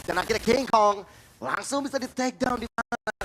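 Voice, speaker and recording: A very high-pitched man commentates like a hyped fighting game announcer. He drives through the play-by-play and leans hard on key calls with drawn-out shouts. Clear noise sits behind the voice. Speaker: esports match commentator. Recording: clearly noisy game broadcast.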